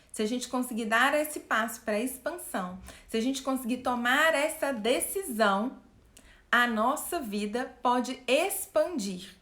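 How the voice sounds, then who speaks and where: A woman coach speaking live to her viewers, animated, asking them questions and acting out what people say. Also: fairly high pitch, echoey room. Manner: animated, asks the audience questions, acts out quotes. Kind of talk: live-stream talk to viewers.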